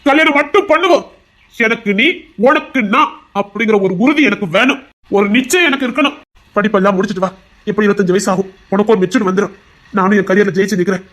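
A man's voice: high voice, fast, fairly bright tone. A man with a Tirunelveli Tamil accent playing a young male heart doctor, a possessive lover who pleads and turns to threats. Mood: insistent. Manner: pleading, insistent, turning threatening. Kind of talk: audio drama acting.

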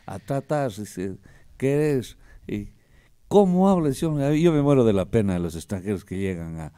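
A man's voice: mid-range voice, very animated, normal speed, warm tone, clear, resonant tone. A man hosting a casual radio interview, joking and emphatic with teasing asides. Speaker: radio host. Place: radio studio.

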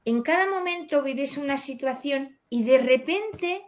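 High-voiced Spanish woman interviewer. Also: lively intonation, unhurried, a little mellow. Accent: Spanish from Spain. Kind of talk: casual interview talk.

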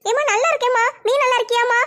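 A woman voicing a shy, sweet young village daughter, pleading softly. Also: very high voice, steady tone, racing, voice pushed up. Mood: affectionate.

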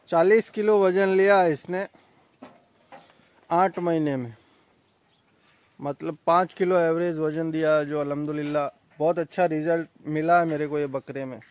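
A man's voice: fairly high pitch, dry recording. Chatty young man selling goats. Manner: chatty, boastful sales talk. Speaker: goat farm owner and vlogger. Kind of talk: casual promotional farm vlog. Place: outdoor goat farm pen.

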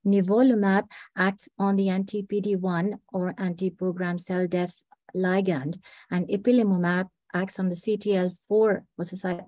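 Recovering from the flu, a clinical research fellow presents a case in an online medical lecture, speaking over a laptop mic on a video call. Her mid-range voice is hoarse and mellow, and her delivery is steady, measured and methodical, with frequent pauses and small "uh" fillers. The audio is close and dry, with no echo.

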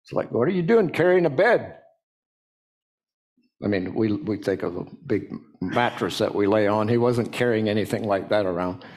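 A man preaching a sermon in a casual, conversational way, with frequent restarts and folksy asides, and with sudden high-pitched jumps when he acts out quoted lines. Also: a little mellow. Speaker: pastor.

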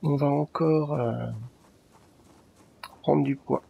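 A man's voice: on the high side, fairly even intonation, slow, creaky, narrow, tinny audio, slight background noise. A man giving casual let's play commentary, muttering and thinking aloud to himself.

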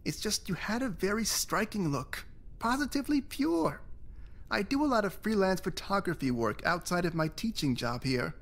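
A game's creepy photography teacher, all syrupy charm. His voice swoops up and down in a lively, sing-song way while staying smooth and ingratiating. Every friendly word sounds a little too pleased with itself. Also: sits high, moderate pace, heavily acted. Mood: falsely cheerful. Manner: smooth, falsely chipper, ingratiating. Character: creepy overly cheerful male photography teacher. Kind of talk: video game voice acting.

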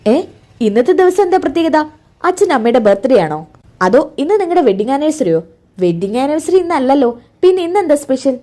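A woman storyteller voices a scornful young woman who fires back retorts, cold and impatient, in a raised, quick, high voice. The delivery is very animated and dark in tone, with the words rushing out fast, and the mood comes across as puzzled.

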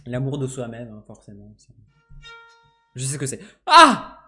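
A man giving casual let's-play commentary, swearing freely and swinging between low mutters and sudden excited shouts. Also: normal speed, breathy edge, soft background music. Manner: swears casually, jokey asides. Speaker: gaming streamer.

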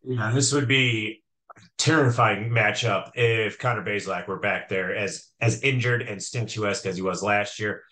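A man co-hosting a sports podcast, chatting about football in a loose, conversational way. His voice is bright and forward, and he stops and restarts often as he thinks out loud with fillers. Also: fairly low pitch, fairly even intonation, moderate pace. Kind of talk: casual sports talk.

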